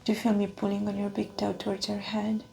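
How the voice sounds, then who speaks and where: In a fast, creaky whisper, a woman with a mid-range voice guides the listener through an ASMR medical exam roleplay. She stays soft and calm as she describes every step of the checkup.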